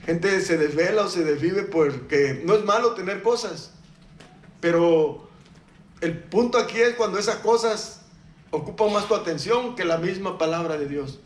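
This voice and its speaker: A man's voice: high voice, unhurried. A man preaching a sermon in a church, conversational, asking the congregation questions and joking now and then. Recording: echoey church hall.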